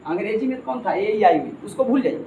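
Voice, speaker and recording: A man's voice: sits high, animated, quick pace, phone-quality sound. A man teaching a grammar lesson, emphatic and repetitive, constantly addressing his students as kids. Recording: echoey room with faint ambient noise.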